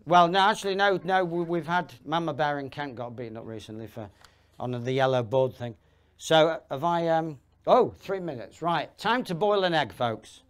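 A man giving a live seminar talk, emphatic and rambling, with restarts and asides, swinging between loud bursts and low asides. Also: moderate pace, smooth. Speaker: seminar speaker. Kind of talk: live motivational talk to an audience.

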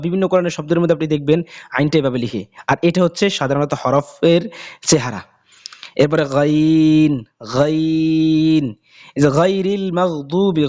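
A man's voice: on the high side, a little mellow. Man drawling letter names, dull lo-fi sound. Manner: explains letters and drawls each letter name slowly again and again. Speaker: Quran reading teacher. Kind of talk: casual spoken lesson.

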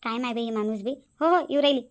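A woman's voice: fairly high pitch, fast talker, clear, resonant tone, natural voice. Woman voicing a nagging mother-in-law. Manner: nagging, sharp and accusing. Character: scolding middle-aged mother-in-law, quarrelsome. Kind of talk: cartoon voice acting.

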